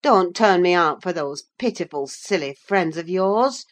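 A woman plays a brooding, jealous teenage boy from a classic storybook. The voice is fairly low and unhurried, blunt and insistent in its sullenness. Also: expressive. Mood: hurt, insistent. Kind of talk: audiobook character acting.

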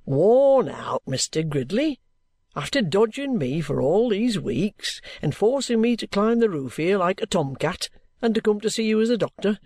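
A woman's voice: mid-range voice, sing-song, moderate pace, a little mellow, no room sound. A woman voicing a bluff, good-humoured male police inspector in an audiobook, cajoling heartily in colloquial speech. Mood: rousing, cajoling. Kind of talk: audiobook character acting.

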